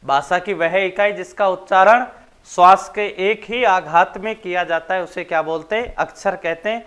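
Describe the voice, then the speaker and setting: A male teacher from Rajasthan giving a grammar lesson, dictating notes slowly and repeating points, then quizzing his students. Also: sits high, fairly bright tone, clean tone. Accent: Rajasthani Hindi. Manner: slow, repetitive dictation with questions to students.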